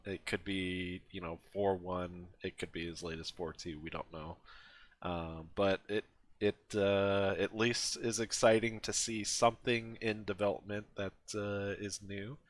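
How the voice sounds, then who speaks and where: A man co-hosting a casual gaming podcast, talking in a relaxed, rambling way with many fillers. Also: on the low side, a little slow. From USA. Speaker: podcast co-host.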